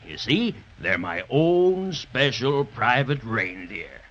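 Muffled hissy 1930s radio recording, jolly old Santa Claus, hearty, kindly, lively pitch. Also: male voice, slow pace, exaggerated voice. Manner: hearty, avuncular, chuckling.

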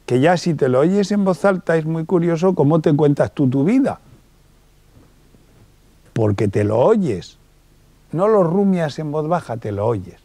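Guy giving a talk, casual and chatty, acts out bits of dialogue, warm voice, dry sound. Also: on the high side, very animated, a little slow, long pauses, no room sound. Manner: colloquial, acts out little dialogues in different voices. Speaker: psychologist giving a conference talk. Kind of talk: lively public lecture.

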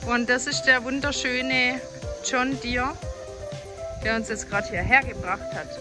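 A cheerful woman with a lilt talks loosely about her trip. Her voice sits a touch high. She films on a handheld phone outdoors, with music running clearly under her words. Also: fairly even intonation, measured pace. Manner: chatty, cheerful, loose filmed commentary. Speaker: family travel vlogger. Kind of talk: casual vlog narration. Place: outdoors in rainforest. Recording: music playing behind the voice.

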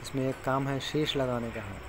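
At normal speed and medium pitch, a man casually explains how to tie fishing hooks, step by step, while he works. He's a fishing tutorial maker, plain and instructive, talking as he ties knots, and insect noise sits clearly in the background.

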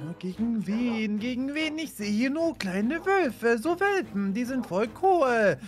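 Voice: mid-range voice, animated, a little slow. Wry hesitant minecraft roleplay player, faint game music behind. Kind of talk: Minecraft role-play.

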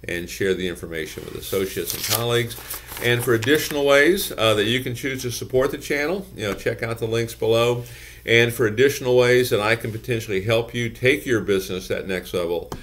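A man's voice: mid-range voice, a bit bright. A man in his sixties speaking to a desk webcam from his office, giving earnest business advice that leans on "you know" and repeated phrases. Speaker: gym business consultant. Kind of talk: direct-to-camera advice talk. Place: office with bookshelves, indoors.

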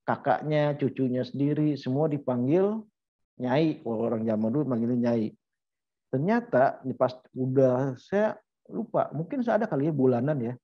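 A man's voice: mid-range voice, expressive, normal speed. A middle-aged man giving an informal medical lecture, talking through examples and asking rhetorical questions. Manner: conversational, uses anecdotes and rhetorical questions. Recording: slightly dull lo-fi audio.

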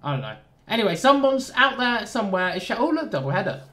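Fast-talking and very animated, this man has a high-pitched, sharp voice and a nasal southern English accent. A train sim YouTuber from southern England, he rambles through casual commentary on a simulator run, joking at his own expense with frequent asides.

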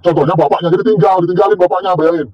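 A man's voice: high voice, fairly even intonation, rapid-fire, darkish tone, breathy edge, muffled recording. A middle-aged man vlogging outdoors by a tree, recording himself and talking in a mocking, scornful way. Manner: mocking, scornful, taunting with laughs. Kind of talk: casual rant to camera. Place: outdoors by a tree near a corn field. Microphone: self-recorded on a handheld camera or phone.

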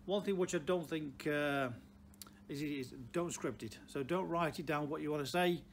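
An older man from the Potteries speaks in a Stoke accent at a slightly raised pitch. He gives off-the-cuff, plain-spoken advice as a car dealer talking to camera. Some background noise of a showroom sits behind his voice. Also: moderate pace. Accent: Stoke-on-Trent (Potteries). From Stoke-on-Trent, England. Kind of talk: unscripted direct-to-camera advice talk. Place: large indoor car showroom.

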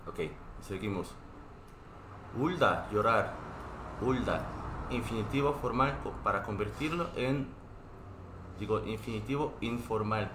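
Slow-speaking man with a Korean accent. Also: fairly low pitch, reverberant, noisy background. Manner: slow, patient explaining with frequent checks like "¿ok?". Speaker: Korean teacher. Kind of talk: live online language class.

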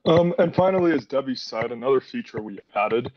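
A man's voice: medium pitch, animated, brisk, dry recording. A man in his twenties from the Dominican Republic, presenting a student project on a video call in a casual way, with lots of "like" fillers. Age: 20s. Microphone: headset on a video call. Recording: dull, distant video call audio.

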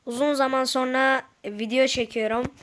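A woman's voice: high-pitched, steady tone, moderate pace, fairly bright tone, slight background noise. A woman giving casual commentary to her viewers while playing a game, slightly ill. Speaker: gaming YouTuber.

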